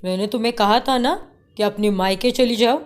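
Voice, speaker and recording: A woman's voice: a little high, moderate pace, natural voice. A woman voicing a short-tempered young husband in a cartoon story, scolding sharply. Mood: angry. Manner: angry, scolding.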